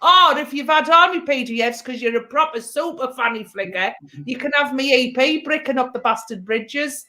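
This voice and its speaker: A woman's voice: high voice, normal speed, hardly any pauses, sharp tone. A woman hosting a casual chat show, cheeky and brash, swearing freely. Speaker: host. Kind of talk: casual banter, show host.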